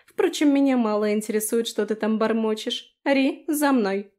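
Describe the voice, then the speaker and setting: A woman's voice: on the high side, normal speed, a little mellow, natural voice. Woman voicing a proud, scheming young lady. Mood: mocking. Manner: tearful pleading, then mocking.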